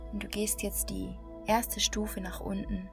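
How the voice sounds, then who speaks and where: A woman guiding a meditation in a slow, calm, soothing hypnotist-like manner, with long pauses between short phrases. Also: medium pitch, vocal fry. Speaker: meditation guide. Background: new-age music.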